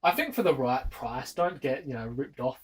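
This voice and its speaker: A man co-hosting a podcast in casual chat, chiming in with quick short remarks. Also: mid-range voice, lively intonation, slightly rough. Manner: quick, brief interjections. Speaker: podcast co-host.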